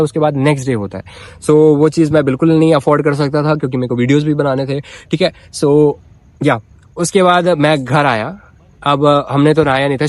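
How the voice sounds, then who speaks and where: Animated young man telling a story. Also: on the high side, no room sound. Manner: animated, rambling storytelling with fillers and restarts. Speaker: vlogger. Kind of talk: casual storytime monologue.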